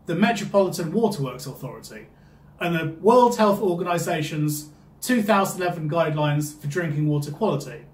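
A man hosts his own explainer channel in a high, lively voice that swoops up and down. He talks upbeat and emphatic, reading a scripted narration, and the recording has a roomy echo. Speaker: channel host.

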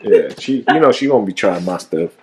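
A man's voice: lowish voice, animated, fairly quick, darkish tone, a little hiss or hum, poor audio. A man in his thirties filming himself at arm's length in a home kitchen, chatting jokingly while he cooks. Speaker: vlogger cooking at home. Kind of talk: casual cooking vlog. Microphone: handheld camera at arm's length.

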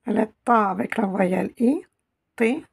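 A woman teaching a slow, patient language lesson who repeats each sound carefully. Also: mid-range voice, gravelly, a little mellow, breathy edge. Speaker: Arabic teacher.

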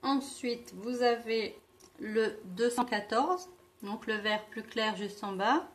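A woman reviewing beauty products in a casual vlog, talking with many fillers and pauses. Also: on the high side. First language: not English. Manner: slow, hesitant, many fillers. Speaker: beauty vlogger.

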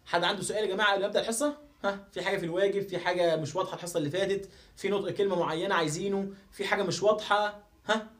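A man with an Egyptian Arabic accent leads a live online phonics class. His voice sits high for a man, and he drills words and sounds over and over, patiently correcting how they are said. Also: steady tone, rapid-fire, a bit bright. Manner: repetitive, drills pronunciation over and over. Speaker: English teacher.

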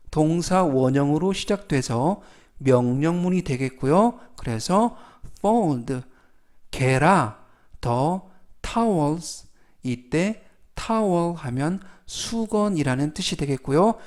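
A man narrates a slow, careful English vocabulary lesson for Korean-speaking learners, repeating each word clearly. His voice is on the high side and a little mellow.

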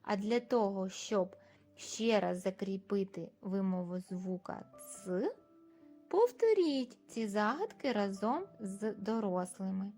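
A woman speech therapist teaching young children, slowly repeating words in a clear, drawn-out, sing-song way. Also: medium pitch, expressive, warm tone, faint music behind.

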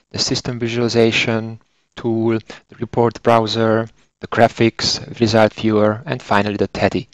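With a Hungarian accent and a fairly low voice, a man in his forties who works as a software trainer and consultant engineer narrates scripted instructions in a methodical way. He is recorded up close, very dry, with no room sound.

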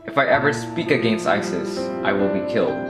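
A young man voicing a troubled militant recounting his life in a measured, sombre narration. His slightly low voice sits in an echoey space over guitar music. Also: expressive, close to an everyday voice. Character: troubled male militant narrator, quietly regretful. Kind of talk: scripted narration.

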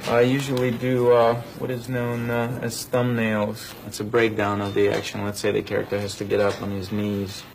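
A man's voice: fairly low pitch, monotone, moderate pace, creaky, hardly any pauses, poor audio. A man speaking as a character animator, explaining his method informally in a documentary interview. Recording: noticeable background noise.

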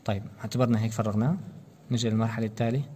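A man's voice: on the low side, fairly even intonation, very fast, warm tone, a little hiss or hum. A man giving a practical anesthesia lecture, explaining procedure steps and quizzing students with rhetorical questions. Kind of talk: practical medical demonstration.

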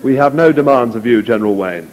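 A man voicing a bitter male sergeant who leads a mutiny and speaks quietly and steadily, read aloud in an echoey hall. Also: mid-range voice, expressive, quick pace, pitched below the performer's own voice, natural voice. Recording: echoey hall, dull lo-fi recording.

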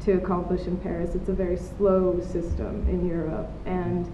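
In a level tone at normal speed, a woman in her thirties from the US, an artist, reflects casually during an interview, using plenty of fillers and restarting often. She's on an art studio's outdoor patio, and the audio is roomy and dull with a rumble.

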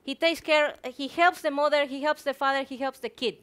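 Speaking into a headset mic on a theatre stage, this conference speaker is a woman in her thirties from Guatemala whose native language is Spanish, and her accent is Guatemalan. Her voice sits high, steady and a bit bright, and she delivers her prepared talk briskly.

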